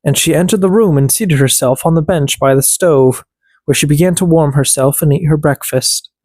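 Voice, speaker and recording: An audiobook narrator reading a fairy tale as expressive scripted narration. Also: medium pitch, moderate pace, husky, dry recording.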